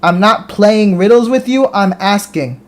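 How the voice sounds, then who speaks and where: Here an American man runs a live stream, voicing viewer comments and chatting back to them informally. His voice is high-pitched and his pace measured, and he often restarts his sentences.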